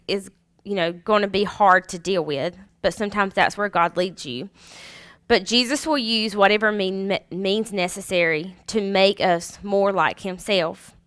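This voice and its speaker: A woman's voice: medium pitch, bright, forceful tone, clean tone, no echo. A woman teaching a Sunday school Bible lesson in a chatty way, with many fillers and restarts.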